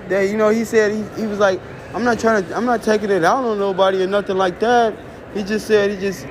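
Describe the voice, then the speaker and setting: High-voiced man. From Chicago. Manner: profane, rambling storytelling. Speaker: show host. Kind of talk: casual monologue.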